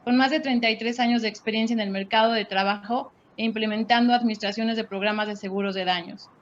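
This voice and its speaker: A woman reads formal speaker introductions as a webinar moderator. Her voice sits fairly high. The audio is dull and lo-fi with faint noise. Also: fairly even intonation, quick pace.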